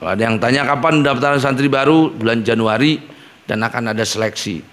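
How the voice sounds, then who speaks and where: A middle-aged man heading a boarding school, giving firm, repetitive advice to his students and often pausing on a short "ya". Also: medium pitch, fairly bright tone, soft background music. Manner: firm, repetitive admonishing with frequent "ya". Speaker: head of an Islamic boarding school.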